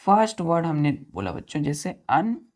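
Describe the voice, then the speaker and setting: A woman's voice: low voice, very animated, quick pace, a little mellow. A woman teacher giving a vocabulary lesson, spelling words letter by letter and asking her students questions that she answers herself. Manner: addresses students as children, asks and answers own questions.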